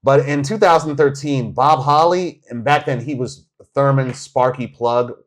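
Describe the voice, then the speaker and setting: A man co-hosting a podcast, telling wrestling stories in a casual, animated way. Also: medium pitch, measured pace. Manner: animated storytelling, quotes wrestlers. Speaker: podcast co-host. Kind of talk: casual chat.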